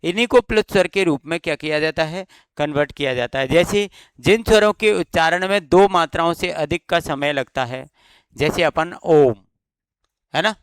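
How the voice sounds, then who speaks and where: A man's voice: on the high side, normal speed, smooth, dry recording. A man teaching an exam-prep grammar lesson with a slight Rajasthani Hindi accent, explaining step by step and answering his own questions.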